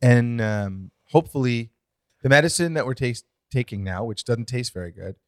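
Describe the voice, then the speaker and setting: A man talks through a casual podcast conversation, explaining with lively swings of pitch. His voice sits in a middle register. The recording is dry and close. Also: normal speed, no echo. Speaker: podcast co-host. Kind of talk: casual chat.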